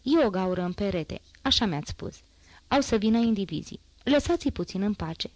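A woman voicing a stern male police inspector who gives quick, firm orders, in an audiobook reading. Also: medium pitch, lively intonation, dry recording, natural voice.

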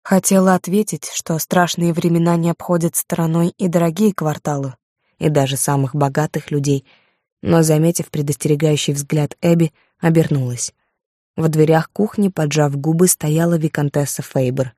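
A woman reading a first-person novel aloud in an even, measured way. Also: sits low, no echo, clean studio sound. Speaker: audiobook narrator.

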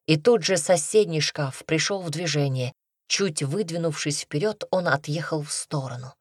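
A woman narrating an audiobook in a measured, even storytelling manner, close to the mic. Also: low-pitched, breathy edge, dry recording. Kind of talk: scripted narration.

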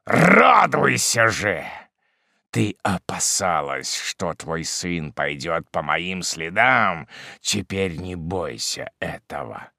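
A man's voice: deep voice, very animated, gravelly, sharp tone, no echo, studio quality, full character voice. A man reading an audiobook and voicing a cruel, mocking demon disguised as a dwarfish hermit, in a hollow, menacing voice. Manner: hollow, menacing, drawn-out, at times whispered.

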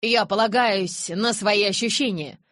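A woman voicing a nervous, high-voiced young man. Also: unhurried, fairly bright tone, no echo, close to an everyday voice.

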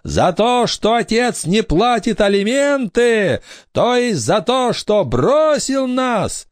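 A man's voice: high-pitched, big pitch swings, no echo, studio quality, pitched above the performer's own voice, exaggerated voice. A man voicing a bold, cunning young girl who drags her words out in an eerie ghostly wail. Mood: sly. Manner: drawn-out, eerie wailing. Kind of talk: audiobook character voice.

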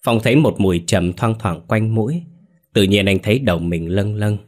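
A man reading a horror story as a scripted narration, slow and hushed in the eerie parts. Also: on the low side.

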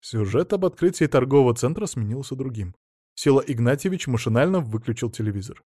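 A man narrating a story in a measured, steady reading voice. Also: medium pitch, no room sound, clean studio sound. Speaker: audiobook narrator. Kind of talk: scripted narration.

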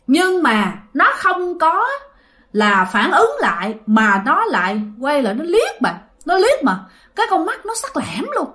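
A woman's voice: high voice, very animated, a little slow, fairly bright tone. A woman with a Southern Vietnamese accent telling a ghost story in a chatty way, speaking straight to her listeners. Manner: chatty, addresses listeners directly. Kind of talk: casual storytelling.

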